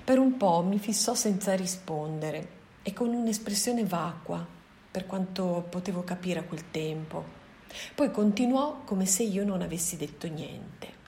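A woman giving a scripted audiobook narration of a novel in a soft, even reading voice. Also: fairly low pitch, unhurried, slight background noise. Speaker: audiobook reader.

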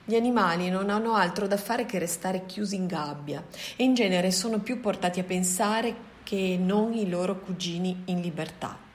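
Calm gorilla teacher, read by a woman. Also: on the low side, moderate pace, close to an everyday voice. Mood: reflective. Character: wise male gorilla teacher, calm and measured.

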